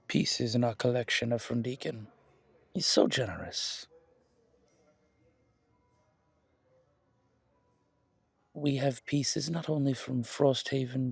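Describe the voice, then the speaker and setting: In a roleplay audio drama, a man voices a museum curator who is effusive, flattering, and flirtatious, genteel and gushing, with hesitant pauses and repeated words. His voice is husky and creaky at a medium pitch, captured in a dry recording. He sounds proud and effusive.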